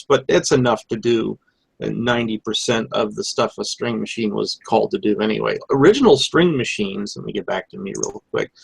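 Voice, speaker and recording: Gravelly-voiced man explaining electronics. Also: mid-range voice, no echo, low-quality recording. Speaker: electronics hobbyist presenter. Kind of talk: informal technical show-and-tell. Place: live online hangout with screen share.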